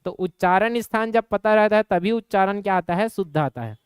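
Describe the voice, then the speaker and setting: Speaking in a high, clean voice with a faint nasal ring and a Chhattisgarhi accent, this young man from Chhattisgarh, India, teaches exam coaching. He regularly poses quick questions to the class and answers them himself, slipping into local dialect at times, in studio-quality sound with no echo.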